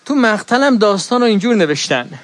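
A middle-aged man preaching a mourning sermon in a high voice. He moves from plain storytelling into an impassioned, lamenting chant of recited verses. The sound is dry and close, with no room around it. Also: big pitch swings, dry recording.

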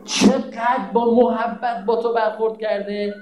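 A man's voice: sits high, level tone, a little mellow, reverberant, slight background noise, poor audio. A man giving a religious sermon, emphatic and scolding, asking rhetorical questions. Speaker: preacher.

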